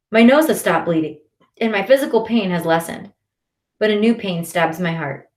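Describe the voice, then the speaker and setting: Woman narrating an audiobook in an echoey room. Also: medium pitch. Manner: expressive, shifting into character voices. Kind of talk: first-person audiobook narration. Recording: roomy echo.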